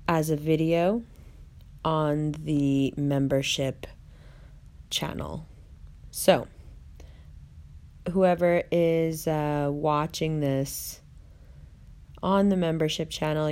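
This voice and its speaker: A woman hosting a casual online video, chatting to viewers with rolled R's and deliberate pauses in an opinionated, conversational way. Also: deep voice, a little mellow. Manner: rolls her R's. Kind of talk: casual chat, talking to viewers.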